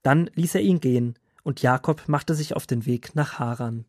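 A man narrating a children's Bible story in a calm, clear storytelling manner. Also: mid-range voice, moderate pace, no room sound, studio quality.

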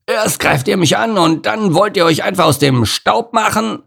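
A man's voice: sits high, expressive, normal speed, gravelly, fairly bright tone, pitched above the performer's own voice, full character voice. A man voicing a grumpy, short-sighted male rhino in a children's audiobook, growling and grouchy.

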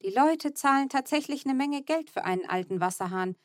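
A woman's voice: high-pitched, expressive, brisk, no room sound, clean studio sound, voice pushed up. A woman voicing a cheeky, breezy boy. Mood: explaining. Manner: breezy, talks his ideas up.

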